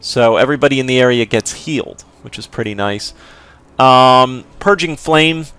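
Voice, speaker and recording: With a sharp yet clear and resonant tone, a man at medium pitch narrates his game walkthrough at a moderate pace. The talk is casual and roundabout, with frequent hedges and fillers.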